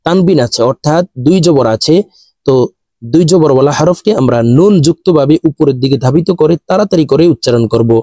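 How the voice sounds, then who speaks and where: A man teaching Quran letter pronunciation, drilling each sound slowly and then explaining briskly. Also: medium pitch, dark tone, no room sound, studio quality. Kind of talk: slow drilled recitation lesson.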